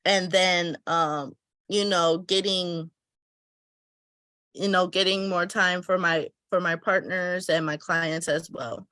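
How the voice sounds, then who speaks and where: Slow and relaxed, a woman with a lowish voice, slightly stuffy from a cold, narrates her weekly planning as she fills in her schedule. She owns a travel agency and keeps the tutorial chatty and step by step. There's no room sound in the recording.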